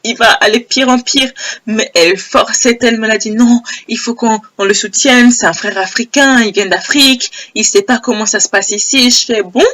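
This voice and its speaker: A young woman with a hoarse, low voice telling a personal story in a casual, animated way, repeating phrases for emphasis. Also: normal speed. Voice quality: low broken voice. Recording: old homemade audio.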